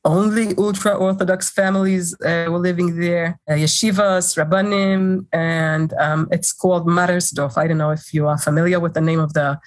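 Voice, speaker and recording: Low-voiced woman, halting speech. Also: steady tone. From Israel. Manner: halting, many "uh" pauses while searching for words. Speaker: interview guest. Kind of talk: casual interview.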